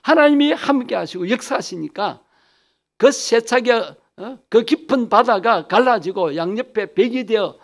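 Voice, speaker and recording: A man's voice: extremely high pitch, lively intonation, a little slow. A man pastor preaching a sermon, asking the congregation questions and answering them himself, stretching key phrases for emphasis.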